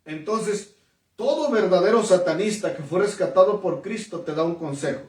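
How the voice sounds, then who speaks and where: A man's voice: sits high, lively intonation, normal speed, a little mellow, recorded from a distance. A man preaching and giving his testimony in an emphatic way, with many fillers and repeated words. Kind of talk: testimony sermon. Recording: echoey room, voice from off mic.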